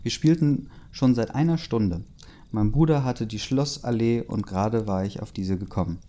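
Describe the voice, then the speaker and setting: Mellow-voiced young man reading a story aloud. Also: on the low side, moderate pace. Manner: reads loosely, interrupts with asides and chuckles. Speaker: story reader. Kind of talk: casual read-aloud of a fan story with comments.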